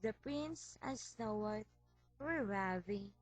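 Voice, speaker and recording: A woman reading a fairy tale aloud as storyteller, slow and careful. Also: mid-range voice, animated, slightly rough, no room sound, faint music behind, rough recording.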